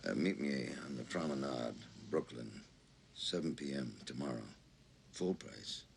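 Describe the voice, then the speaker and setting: A man's voice: a bass voice, lively intonation, measured pace, vocal fry, background noise, heavily acted. An actor playing a terse man who leaves a clipped, businesslike voicemail arranging a meeting. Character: terse man leaving a voicemail to set up a paid hit. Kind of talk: film drama acting.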